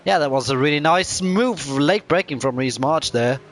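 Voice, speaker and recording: A man doing live commentary on a sim racing event, pausing often with ums. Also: on the high side, animated. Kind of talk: live esports race commentary. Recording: clear background noise.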